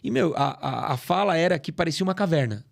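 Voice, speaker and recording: A middle-aged man from Brazil, a guest on a podcast, explaining things in an animated, storytelling way in a studio. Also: on the high side, fast talker, gravelly. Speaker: guest, acoustics company CEO. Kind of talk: casual podcast interview.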